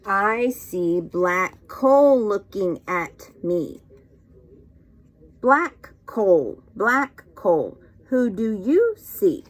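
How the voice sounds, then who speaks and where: A children's storytime reader and teacher reads picture books aloud to young children, expressive, sing-song, and encouraging, often asking her listeners questions. Her voice is medium-pitched and she speaks extremely slowly.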